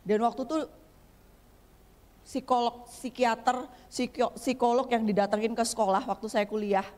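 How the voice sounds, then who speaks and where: A woman's voice: on the high side, little pitch movement, normal speed, darkish tone. A woman guest pastor giving a chatty, humorous sermon in a church, often turning to speak straight to the congregation. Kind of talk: conversational sermon. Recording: long church hall reverb.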